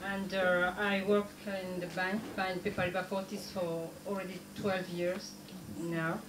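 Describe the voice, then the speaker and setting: Halting Burundian woman in an echoey room. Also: fairly low pitch, level tone. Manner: halting, hesitant delivery with frequent pauses. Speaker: guest speaker, banker. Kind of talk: talk show presentation. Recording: echoey room, clear background noise.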